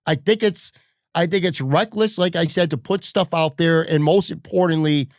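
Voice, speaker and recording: A man's voice: fairly high pitch, moderate pace, no echo, studio quality. A man hosting a sports podcast, talking bluntly and heatedly in casual chat, swearing freely. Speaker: podcast host.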